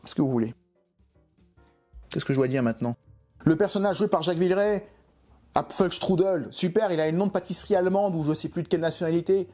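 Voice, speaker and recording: A man's voice: high-pitched, fast, dark tone, faint music behind. A man reviewing a film in an exasperated, emphatic way, full of rhetorical questions. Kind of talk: opinionated video film review.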